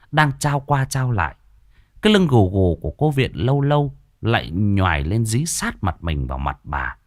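A man's voice: mid-range voice, a little mellow, dry recording, clean studio sound. A man telling a ghost story with dramatic scripted narration.

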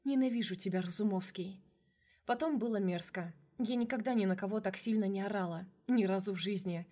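This audiobook of a first-person novel is voiced by a woman speaking briskly in a mid-range voice. She reads with feeling and expression, pulling listeners into the narrator's inner world.

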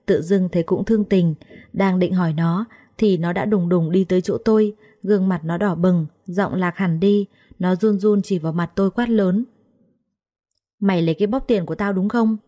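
Warm-voiced woman storyteller. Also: lowish voice, fairly even intonation, normal speed. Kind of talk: first-person story narration.

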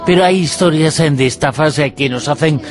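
A man's voice: a little high, fairly quick. A man with a Spanish accent from Spain, hosting a radio interview in a discursive way with frequent fillers. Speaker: radio host.

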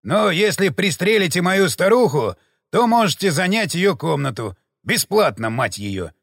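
A surly bearded old innkeeper, as a male narrator puts him on, growling and cursing in loud, gruff bursts. The reading sounds dry and close. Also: high-pitched, very animated, moderate pace, no room sound, exaggerated voice. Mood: grumbling. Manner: gruff, snapping and swearing.

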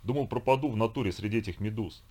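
A man's voice: lowish voice, quick pace, darkish tone, natural voice. A man voicing a streetwise thief who talks in chummy prison slang.

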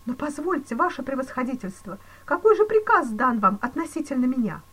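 A woman voicing a terrified male banker who pleads in shrill, panicky exclamations in a storybook reading. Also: very animated, fairly quick, husky, full character voice, rough recording. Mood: panicked.

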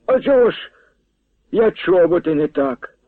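A man's voice: high-pitched, expressive, unhurried, no room sound, voice pushed up. Brief: male reader as jolly old villager, exclaiming, thin radio sound. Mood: exuberant. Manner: hearty, exclaiming. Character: merry old village grandfather, boisterous. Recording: tinny dry radio recording.

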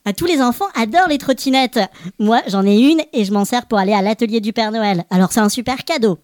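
A woman's voice: fairly high pitch, a little fast, a little mellow, no room sound, studio quality, close to an everyday voice. A woman playing a cheerful little male Christmas elf, hosting a children's podcast with playful exclamations. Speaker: podcast host.

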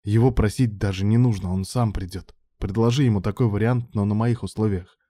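A brooding young man, voiced by a male narrator, barking forceful demands in a lowish, mellow voice. The delivery is intense and commanding, and the audiobook recording is dry. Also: steady tone, fairly quick, no echo, close to an everyday voice. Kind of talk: audiobook dialogue.

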